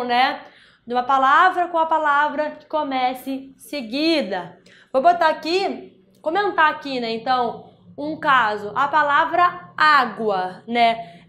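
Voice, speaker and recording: Her voice sits high and a bit bright as this woman from Brazil explains Spanish grammar step by step for exam preparation. She peppers her explanations with "né?" and "tá?", and the room gives the recording a noticeable echo.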